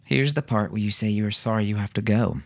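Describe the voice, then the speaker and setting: A man's voice: fairly low pitch, quick pace, creaky. A man voicing a teasing, sarcastic wife. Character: teasing, sharp-tongued young mother and wife.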